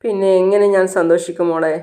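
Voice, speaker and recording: A woman's voice: on the low side, steady tone, fast, warm tone, lightly acted. A narrator voicing a troubled middle-aged mother who sounds weary and resentful.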